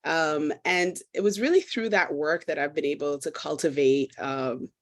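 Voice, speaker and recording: A woman's voice: low-pitched, normal speed. A woman from Trinidad introducing herself on a panel as a food equity consultant, engaged, with frequent fillers. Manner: warm, engaged, many fillers, light laughs.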